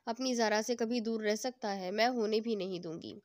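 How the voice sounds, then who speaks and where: A woman's voice: a little high, brisk, a little mellow, natural voice. A woman reading the lines of an affectionate, easily upset young wife. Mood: pouting, emotional. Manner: pouting, emotional.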